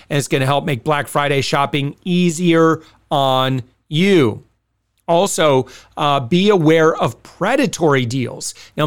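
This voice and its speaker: High-pitched man, chatty podcast host. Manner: chatty, direct address with rhetorical check-in questions. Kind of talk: conversational sponsor read and shopping advice to listeners.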